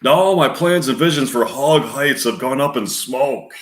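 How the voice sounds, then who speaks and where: A man voicing an angry, scheming older county boss, drawling slowly as he grumbles. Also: mid-range voice, voice pushed up, lightly acted. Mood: angry lament. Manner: slow, grumbling, lamenting. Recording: roomy echo.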